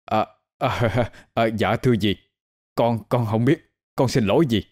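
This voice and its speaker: A man's voice: lowish voice, measured pace, darkish tone, natural voice. A man voicing a friendly foreign man who teases in odd, stilted phrasing. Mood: teasing.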